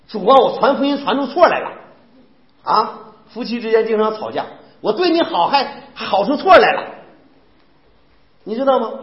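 Northeastern mandarin guy preaching, throws questions at the crowd, echoey hall, kinda muffled lo-fi. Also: extremely high pitch. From Northeast China. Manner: emphatic, fires rhetorical questions at the congregation. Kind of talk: sermon. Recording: echoey, dull lo-fi sound.

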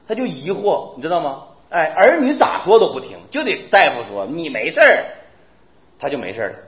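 A man pastor preaches a lively sermon, checking with his listeners again and again. His voice sits high and leaps up and down. The recording is dull and lo-fi, with an echoey room around him. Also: a little fast. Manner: animated, keeps asking listeners "you know?".

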